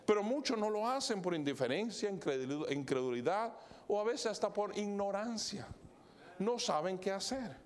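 A man's voice: expressive, moderate pace. A man pastor preaching a sermon in church, swinging his voice up and down, slipping in English fillers like "so" and "all right". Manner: preaching with sweeping rises and drops in pitch; mixes English fillers into Spanish. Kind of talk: sermon with live illustrations. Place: church sanctuary.

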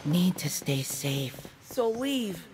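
A woman's voice: lowish voice, sing-song, slow pace, noisy background, full character voice. A woman voicing a small, timid, earnest boy creature of light in a video game, childlike in manner. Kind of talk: video game character dialogue. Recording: faint game ambience behind voice.

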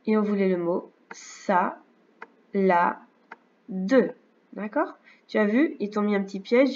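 A woman teacher giving a remote reading and maths lesson to young children, speaking slowly and clearly and often checking in with "d'accord?". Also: mid-range voice, a little mellow. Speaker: first-grade teacher. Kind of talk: remote lesson narration over slides. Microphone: computer mic. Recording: slightly dull lo-fi sound.

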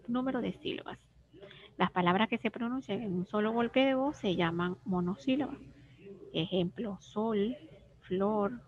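A woman teacher giving a scripted reading lesson for young children, pronouncing each word clearly and carefully. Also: fairly high pitch, lo-fi sound. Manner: clear, careful syllable-by-syllable pronunciation.

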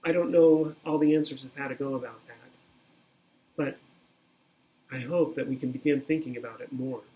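A man in his fifties preaching a sermon by webcam from a small room, in an earnest, measured way that repeats key phrases. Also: medium pitch, steady tone, warm tone, low-quality recording. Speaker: pastor. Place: small plain room indoors. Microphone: webcam at desk, video recording.

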